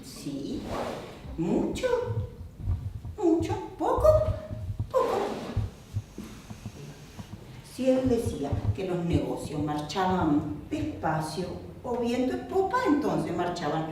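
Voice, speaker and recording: Una actriz con acento argentino que interpreta a Olga, una esposa recatada de mediana edad entregada a su marido, en un monólogo teatral expresivo que imita sonidos. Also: female voice, takes it slowly, far from the mic, background noise. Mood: prim. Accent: Argentine Spanish. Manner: expressive, mimics sounds and shifts pitch for emphasis. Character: Olga, a prim middle-aged wife devoted to her husband. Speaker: stage actress in a one-woman play. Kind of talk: theatrical monologue. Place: theatre stage. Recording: echoey theatre recording from afar with music.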